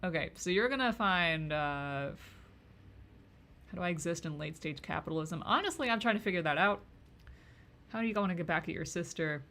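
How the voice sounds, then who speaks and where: A woman's voice: fairly low pitch, expressive, brisk, fairly bright tone. A woman in her thirties giving easygoing life advice to viewers while she animates on a live stream, reading their comments aloud. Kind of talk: casual livestream chat answering viewers.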